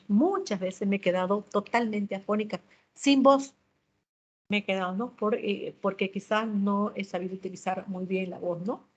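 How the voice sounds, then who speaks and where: A woman's voice: mid-range voice, a little mellow. Woman teacher explaining speaking skills, lots of fillers and little tag questions. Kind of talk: lecture on public speaking.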